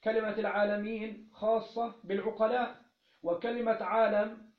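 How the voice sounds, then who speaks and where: A man's voice: sits high, level tone, moderate pace. Egyptian teacher guy explaining a classical text, asks and answers his own questions, echoey muffled recording. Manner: asks questions then answers them, repeats key phrases. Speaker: teacher of Islamic jurisprudence. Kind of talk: religious lesson, explaining a text. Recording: roomy, dull lo-fi recording.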